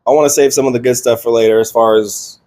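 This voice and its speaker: A man's voice: medium pitch, fairly even intonation, fast talker, dark tone. Laid-back man in his thirties hosting. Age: 30s. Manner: loose, slangy, lots of fillers and restarts. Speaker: podcast host. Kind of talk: casual chat.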